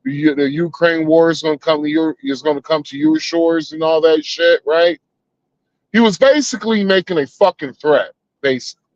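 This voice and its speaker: Man on a video call, high-ish voice, casual profane rambling. Dull, dry call sound. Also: moderate pace, no room sound. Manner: rambling and profane, with many restarts. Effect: heard over a video call, breaking up. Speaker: co-host on a live stream. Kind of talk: casual political rant.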